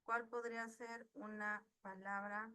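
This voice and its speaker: Slow, bright-voiced woman teaching online. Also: mid-range voice, level tone. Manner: slow, patient, asks the class questions. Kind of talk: online class lesson. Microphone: video call.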